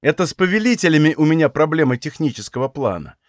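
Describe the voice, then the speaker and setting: A man's voice: fairly high pitch, lively intonation, fast, no room sound, clean studio sound, voice pushed up, close to an everyday voice. A man voicing an arrogant, foul-mouthed older female mage who talks down to everyone. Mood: menacing. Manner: sneering, coarse, domineering.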